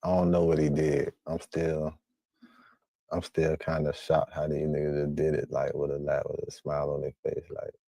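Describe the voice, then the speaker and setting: A man's voice: a bass voice, monotone, moderate pace, vocal fry, dark tone, no room sound. A man hosting a reaction stream, speaking in blunt, repetitive slang. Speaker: stream host reacting to clips. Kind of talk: casual reaction commentary.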